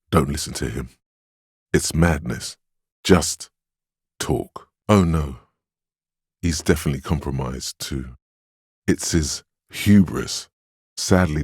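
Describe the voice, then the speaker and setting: A video game voice actor plays an extremely low, grainy male inner voice of willpower from a role-playing game, steadfast, grave, firm and urging. He gives measured, solemn, encouraging and reassuring counsel in a heavily acted, slightly mellow tone with a husky edge. The sound is close and dry, with no room sound.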